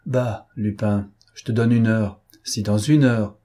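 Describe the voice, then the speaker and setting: Man doing a gruff, exasperated police deputy chief. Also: on the low side, fairly even intonation, slow, mellow. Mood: barking. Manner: barking, irritated.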